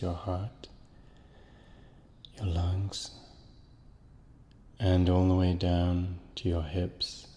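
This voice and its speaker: A man guiding a listener through a slow, soothing hypnosis relaxation, counting down and repeating calming phrases. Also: low voice, long reverb tail. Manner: slow, soothing, repetitive induction. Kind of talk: guided hypnosis relaxation script.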